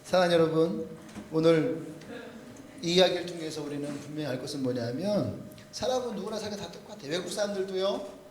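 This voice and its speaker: A man's voice: fairly high pitch, fairly quick, echoey room, slight background noise. A male pastor giving a humorous storytelling sermon, acting out quoted voices. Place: church sanctuary.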